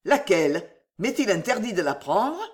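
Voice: medium pitch, very animated, normal speed, lightly acted. A reader voicing Renard, a sly wheedling fox. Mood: coaxing. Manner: coaxing, wheedling. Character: sly, flattering male fox.

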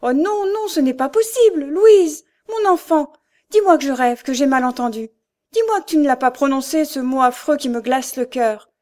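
A woman's voice: high voice, moderate pace, darkish tone, voice pushed up, close to an everyday voice. A woman doing a wailing, grief-stricken mother. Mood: anguished. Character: distraught mother, fearing for her daughter.

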